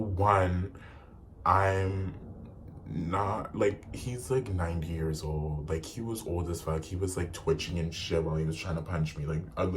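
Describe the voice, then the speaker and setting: A young man tells a story from his own life in a vlog. His voice sits very deep, and his delivery is animated and profane, thick with "like" and "you know.". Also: a little hiss or hum. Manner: animated and profane, heavy use of "like". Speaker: vlogger.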